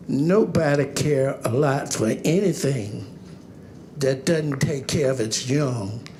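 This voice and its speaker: A man speaking as a new councilman, giving a plain-spoken public speech in short, halting phrases. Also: on the high side, darkish tone, slight background noise. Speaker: newly sworn city councilman.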